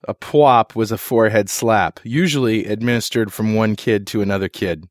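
Man, low voice, dry close sound, podcast co-host, casual chatty storyteller, lots of fillers. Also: moderate pace, no echo. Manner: jokey storyteller, many fillers and restarts. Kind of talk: casual chat. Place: recording studio.

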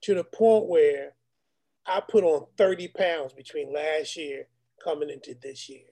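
A man's voice: a little high, measured pace, warm tone. A man, a deacon, telling a personal testimony to an online meeting in an earnest storytelling way, talking straight to the group.

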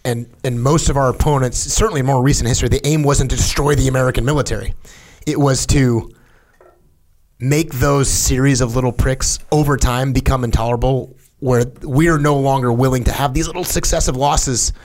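Guy talking fast on a podcast, keeps tripping over the start of his sentences, mid voice. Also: mid-range voice, steady tone, a little mellow. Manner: fast, with frequent restarts and stammers. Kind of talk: podcast discussion.

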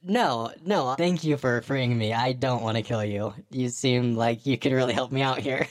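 A man's voice: medium pitch, normal speed, dry recording, lightly acted. Guy doing a friendly little kraken for a tabletop game, hesitant n chatty, dry sound. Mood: grateful, friendly. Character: friendly juvenile kraken, polite, needy, telepathic defector.

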